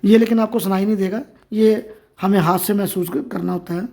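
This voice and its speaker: A man's voice: high-pitched, steady tone, fairly quick, gravelly, darkish tone. An Indian man giving an informal phone tutorial, explaining each step as he goes. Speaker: tutorial presenter.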